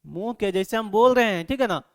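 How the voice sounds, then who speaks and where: A man teaching an online grammar lesson, asking his students questions over and over and loudly sounding out syllables for them to repeat. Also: sits high, brisk, no echo, studio quality. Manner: repeats "ठीक है" and quizzes students constantly; drills syllables aloud, louder on examples. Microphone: microphone.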